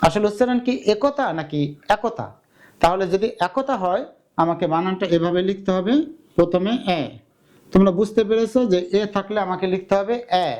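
Guy teaching exam grammar, kinda high voice but soft and mellow, keeps quizzing the class then answering himself. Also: fairly quick. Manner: explains step by step, asks students questions and answers them. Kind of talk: exam-prep grammar lesson.

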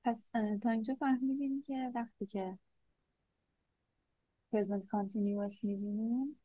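Woman teaching English, slow and careful. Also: a little high, fairly even intonation, slightly rough. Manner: slow, deliberate English examples between explanations. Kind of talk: explaining grammar to learners. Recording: dull lo-fi sound.

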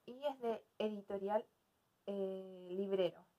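A woman's voice: medium pitch, takes it slowly, dark tone. A young adult woman hosting a casual unboxing video, speaking with hesitant phrasing in a small indoor room. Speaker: video host.

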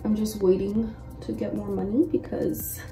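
Her mid-range voice is mellow and level, with vocal fry, moving at a normal speed. This makeup vlogger in her mid twenties chats casually and slangily during a home tutorial, exclaiming often, in a bedroom-like room. There's roomy echo, a distant mic, and faint music in the background.

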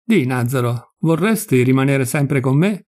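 A man's voice: mid-range voice, animated, measured pace, a little mellow, lightly acted. A man voicing a timid, hesitant older man who keeps birds and is easily bewildered.

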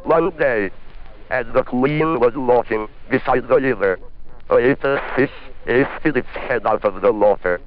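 A man's voice: mid-range voice, unhurried, slight background noise. A synthesized male voice reading a fairy tale in an evenly paced, robotic way. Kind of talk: synthesized storytelling. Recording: dull archival demo recording.

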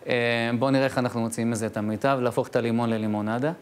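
A man, a speech therapist guest, casually recounting his experience with frequent filler pauses. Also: medium pitch, fairly even intonation, a little mellow. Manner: storytelling with frequent hesitations. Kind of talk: casual studio chat.

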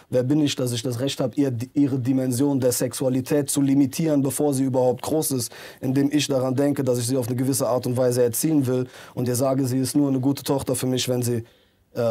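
A man in his thirties talks earnestly in a music studio interview, rambling through fillers and restarts. His voice is mellow and dark, and he speaks into a handheld mic held out to him. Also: medium pitch. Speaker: rapper, interview guest. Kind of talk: casual interview talk.

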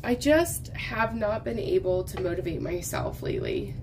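Her medium-pitched voice swoops wildly and sounds gravelly as this thirty-something crafting vlogger rambles at normal speed over a noisy background. She's diamond painting at an indoor craft table, coughing while she recovers from losing her voice.

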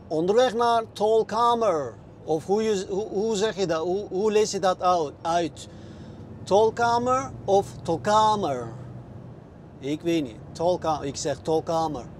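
A man's voice: high voice, darkish tone, slight background noise. A man driving a truck, talking casually to his viewers while he figures out his route, with many hesitations and fillers. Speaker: truck driver vlogger. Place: truck cab.

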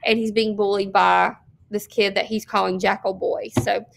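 A woman's voice: mid-range voice, normal speed, vocal fry. Woman reading a story aloud. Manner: steady, expressive reading with occasional slips. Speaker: teacher reading a novel aloud.

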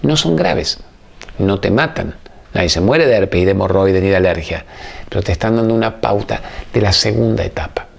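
A middle-aged man with an Argentine accent, hosting a motivational talk for a studio audience and telling stories that alternate fast bursts with slow, emphatic phrases. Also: fairly low pitch, gravelly, breathy edge. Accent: Argentine Spanish. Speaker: TV host.

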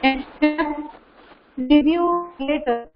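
A woman's voice: high voice, very slow, music in the background. A woman teacher with an Indian accent, mixing English and Hindi as she explains steps informally in an online computer lesson. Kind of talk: informal online lesson, step-by-step screen demonstration. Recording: dull lo-fi online class audio.

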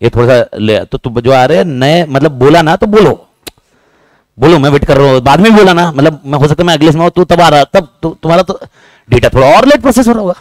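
Fast-talking man teaching a lively class. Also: on the high side, no echo. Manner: fast-talking, repetitive, banters with students.

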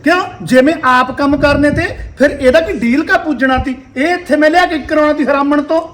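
Guy doing a bossy punjabi sas, squeaky high voice, sharp tongue, nags nonstop. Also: a little fast, slight background noise. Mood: scolding. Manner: scolding, sharp-tongued, cursing. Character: bossy nagging old mother-in-law, a woman. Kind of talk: rural comedy skit acting.

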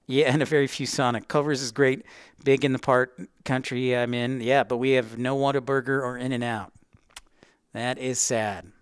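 An aviation educator hosts a casual educational livestream, chatting and rambling as he addresses his viewers directly. His voice is medium-pitched and level at a moderate pace, recorded cleanly in a studio with no room sound.

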